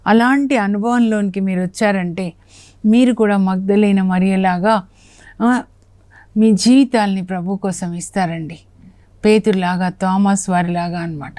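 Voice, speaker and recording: On a TV program, a woman teaches the Bible in a warm, conversational manner, her pitch sitting in the middle range and lifting when she acts out quoted lines. Her tone is steady and a little mellow, and she keeps a measured pace. Recorded in a television studio, the sound is dry and close, with no room sound or echo.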